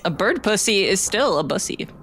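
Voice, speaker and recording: A woman's voice: mid-range voice, very animated, normal speed, fairly bright tone. A woman playing a tabletop game casually, joking and self-mocking. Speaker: player.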